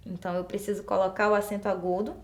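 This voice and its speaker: A woman's voice: mid-range voice, level tone, quick pace. A Brazilian woman teacher with a Brazilian Portuguese accent, explaining exercises patiently and step by step, often asking a question and then answering it herself. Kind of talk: classroom lesson explaining exercises.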